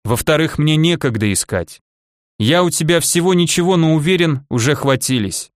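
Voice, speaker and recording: A man reading a thirty-year-old male ruler and ex-soldier in an audiobook, self-deprecating and gently ironic, in a dry studio recording. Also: a little high, lively intonation, moderate pace, dry recording, pitched above the performer's own voice, lightly acted. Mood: earnest.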